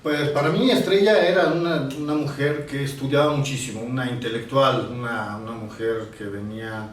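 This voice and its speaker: Being interviewed, a sixty-something Italian painter with a medium-pitched voice looks back on his memories, reflective and pausing often as he searches for words. The room has noticeable reverb, he sits a distance from the mic, and a faint hum of ambience lingers under him.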